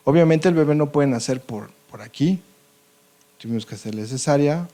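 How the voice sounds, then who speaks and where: A man's voice: medium pitch, mellow. A man with a Mexican Spanish accent, a doctor lecturing an audience on colposcopy in a conversational way, often checking in with "ok?" and "yes or no?".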